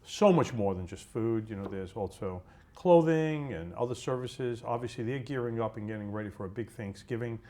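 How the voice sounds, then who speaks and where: A man's voice: fairly low pitch, normal speed, warm tone. A man co-hosting a local events program, chatting casually and chiming in with encouragement. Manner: affirming, encouraging interjections. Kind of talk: casual chat, supportive commentary.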